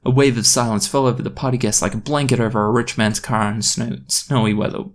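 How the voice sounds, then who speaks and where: A man's voice: mid-range voice, fairly even intonation, quick pace. Man wryly reading a silly story aloud. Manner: wry, self-aware asides. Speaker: YouTube story reader. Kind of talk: comedic reading of a fan story.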